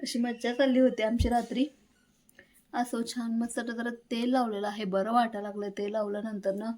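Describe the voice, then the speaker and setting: A woman's voice: on the high side, little pitch movement, moderate pace, mellow, rough recording. A young woman chatting casually at home in a homely daily vlog, talking straight to her viewers. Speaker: vlogger. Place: home, indoors. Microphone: phone held at hand.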